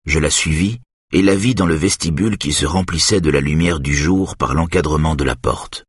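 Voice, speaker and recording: A man narrating a novel in the first person, telling the story in a measured, expressive way. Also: rumbling low, husky, dry recording, studio quality. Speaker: audiobook narrator.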